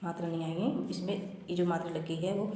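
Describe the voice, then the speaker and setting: Woman teacher going over spelling slowly, syllable by syllable, in a big echoey room. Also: on the low side, steady tone, dark tone. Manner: patient, repeats words slowly syllable by syllable. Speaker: Hindi grammar teacher. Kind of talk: explaining spelling mistakes while writing. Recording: very echoey room with long reverb.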